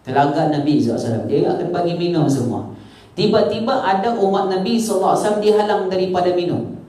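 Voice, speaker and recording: Malaysian preacher in an echoey hall. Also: male voice, racing, warm tone. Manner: storytelling, acting out dialogue with rising and falling pitch. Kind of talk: evening mosque lecture. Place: mosque hall.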